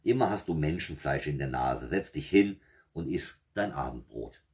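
Old granny in a storybook, sharp but kind, scolds then soothes, a man doing her a bit higher than his own low voice. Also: lively intonation, normal speed. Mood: scolding soothing. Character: the devil's old grandmother, shrewd and kindly.

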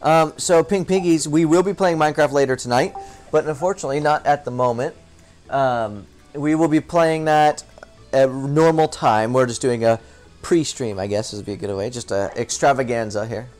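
A man's voice: medium pitch, moderate pace, darkish tone, faint music behind. A man hosting a casual game stream, laid-back and rambling, often chuckling. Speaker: streamer host.

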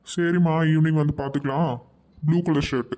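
A woman's voice: sits low, fairly even intonation, moderate pace, mellow, lightly acted. A woman voicing a teasing, easygoing young husband in a cartoon, coaxing and playful.

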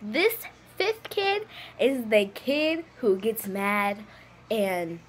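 A female vlogger talking in a chatty, slangy, animated way in a casual comedy video. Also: medium pitch, very slow.

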